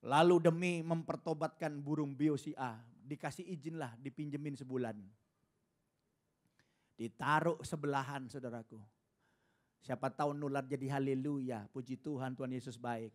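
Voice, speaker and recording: A man preaching a sermon with animated storytelling and casual asides to the congregation. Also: mid-range voice, normal speed. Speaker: pastor.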